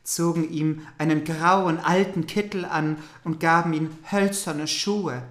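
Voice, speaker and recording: A podcast host reads an old fairy tale in a middle-pitched voice, stopping now and then to ask mock-naive questions about old words. The voice carries a roomy echo. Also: fairly even intonation, unhurried. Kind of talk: comic fairy-tale reading and chat.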